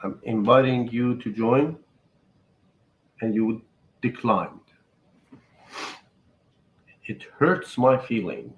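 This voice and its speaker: Male live-stream host from Iran, casual halting talk, echoey room, lo-fi sound. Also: mid-range voice. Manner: halting, chatty, talks to viewers.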